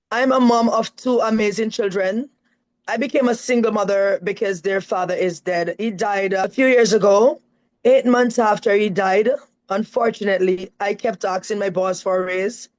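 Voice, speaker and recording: A woman's voice: medium pitch, rough recording. A woman with a Jamaican accent speaks as a guest on a live-stream interview. She tells her story in an earnest, emphatic way and often ends a point with "right?".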